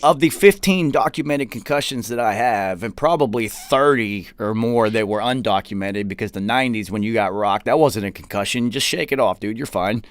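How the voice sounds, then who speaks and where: A man's voice: lowish voice, moderate pace, hardly any pauses, dry recording. Middle-aged man with an Appalachian country accent. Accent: Appalachian West Virginia mountain accent. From West Virginia mountains. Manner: slangy, profane, self-deprecating. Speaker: host. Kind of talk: casual chat.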